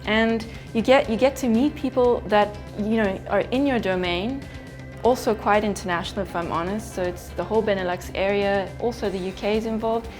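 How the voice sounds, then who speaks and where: Mid-pitched woman over music. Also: moderate pace. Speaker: event attendee. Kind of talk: testimonial interview. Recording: music behind the voice.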